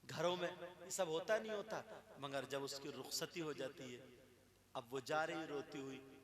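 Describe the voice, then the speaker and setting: A man giving an animated sermon, acting out household quarrels and rising to shouts. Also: a little high, measured pace. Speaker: Islamic preacher. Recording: echoey hall with crowd.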